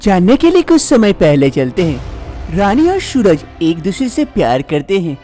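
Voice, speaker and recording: A woman narrates an animated drama story in a steady, storytelling way. Her voice sits somewhat low. Her pitch moves in lively swings. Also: measured pace, soft background music.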